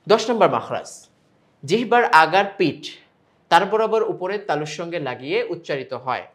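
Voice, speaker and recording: A man's voice: fairly high pitch, a bit bright. Bangladeshi man teaching letter sounds. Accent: Bangladeshi Bengali. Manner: slow drawn-out sample sounds between explanations. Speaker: Quran recitation teacher. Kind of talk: step-by-step pronunciation lesson.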